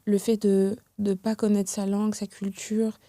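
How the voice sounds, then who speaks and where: A young woman from France, a podcast guest talking in a reflective, hesitant way with many pauses and restarts. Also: mid-range voice, level tone, dark tone, no room sound, clean studio sound. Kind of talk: casual podcast conversation.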